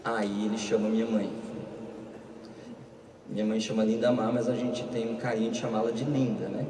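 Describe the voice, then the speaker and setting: A young Brazilian man gives a lively church talk to engaged couples. He tells humorous personal stories and acts out the dialogue. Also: lowish voice, normal speed. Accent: Brazilian Portuguese. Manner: animated, humorous storyteller who acts out dialogue. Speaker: speaker at marriage preparation course. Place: large church hall. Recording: roomy hall, far from the mic, noisy.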